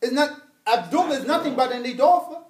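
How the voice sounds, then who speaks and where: A man with an extremely high-pitched voice teaches Arabic grammar to a small class, speaking a little fast but patiently explaining with everyday examples. The room is echoey and the mic is far off.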